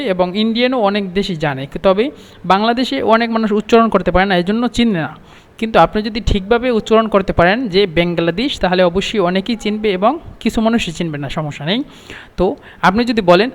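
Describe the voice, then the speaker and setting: Higher-pitched man teaching with long reverb. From Bangladesh. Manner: explains slowly, repeats phrases. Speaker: Arabic language teacher. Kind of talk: spoken language lesson.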